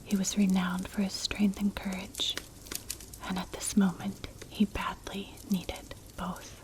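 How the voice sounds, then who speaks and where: A woman narrating a story for ASMR in a breathy, unvoiced whisper, gentle and measured, close to the mic. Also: medium pitch, completely flat delivery. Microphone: close mic, ear-to-ear ASMR. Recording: clear background noise, clicks. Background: crackling fire.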